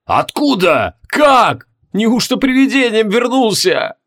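A man's voice: sits high, very animated, measured pace, a bit bright, pitched above the performer's own voice, exaggerated voice. A man voicing an old general who stammers, overwhelmed and close to tears. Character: old male general, emotional, nearly tearful.

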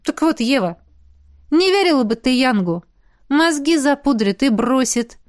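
A woman reading aloud voices a blunt, teasing young woman fighter in a storybook, speaking loudly and mockingly. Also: sits high, expressive, unhurried, pitched above the performer's own voice.

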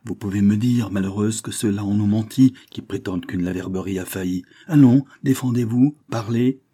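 A man voicing a furious, proud aristocratic countess, raising his deep voice into shouting, scornful tirades. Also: fairly even intonation, normal speed, husky.

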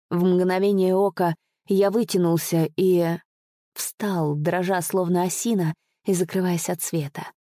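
A woman reading a dramatic first-person tale aloud, with expressive, hushed suspense. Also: fairly low pitch, no room sound, studio quality. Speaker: audiobook reader.

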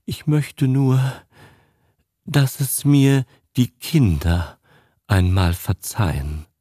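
A man's voice: mid-range voice, very animated, extremely slow, warm tone, no room sound, clean studio sound, pitched above the performer's own voice, full character voice. A man voicing a frightened, guilt-ridden old man past seventy who whispers and gasps his words in a dramatized audiobook. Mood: anguished. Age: over 70 (figure). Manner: trembling, whispering and gasping.

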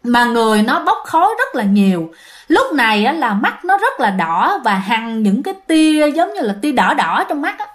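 Lady spinning a ghost story, high voice, talks right to you. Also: big pitch swings, normal speed. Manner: chatty, addresses listeners directly. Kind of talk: casual ghost story narration.

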